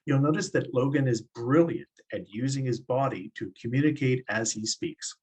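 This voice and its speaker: A man's voice: mid-range voice, moderate pace, a little mellow, husky, poor audio. A man teaching public speaking, explaining step by step in an encouraging way. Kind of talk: classroom instruction.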